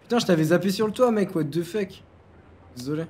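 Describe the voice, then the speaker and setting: Un jeune homme au débit très rapide et à la voix un peu haute, qui commente en admin de serveur. Il parle en argot, tranche net et taquine les joueurs sans ménagement. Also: male voice, high voice, animated, darkish tone, a little hiss or hum. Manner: slangy, bossy, teasing. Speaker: game server admin and YouTuber. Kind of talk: casual Let's Play commentary.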